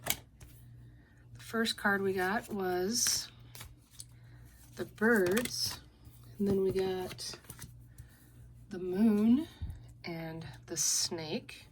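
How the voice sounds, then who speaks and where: A woman giving a general card reading, explaining each card in a slow, gentle, explanatory way. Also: medium pitch, slight background noise. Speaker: card reader. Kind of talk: relaxed card-reading video.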